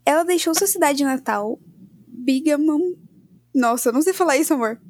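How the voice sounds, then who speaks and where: A woman's voice: high-pitched, animated, normal speed, a little mellow, soft background music. A woman with a Brazilian accent hosting a podcast, switching between scripted narration and informal, self-deprecating asides. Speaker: podcast host. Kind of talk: casual chat and scripted true-crime narration with asides.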